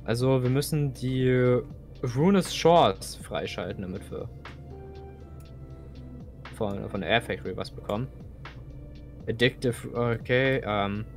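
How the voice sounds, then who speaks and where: A man's voice: mid-range voice, lively intonation, a little slow, long pauses, soft background music. A young man playing a video game with a friend, thinking aloud and often repeating words as he searches for them. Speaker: gamer co-playing. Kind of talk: casual gaming chat.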